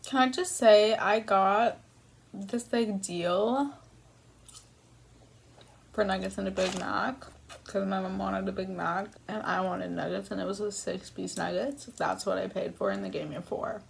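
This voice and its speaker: A woman's voice: mid-range voice, fairly even intonation, unhurried, gravelly, slight background noise. A young woman vlogger talking casually between bites in an eating video, rambling, self-deprecating and casually sweary. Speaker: mukbang vlogger.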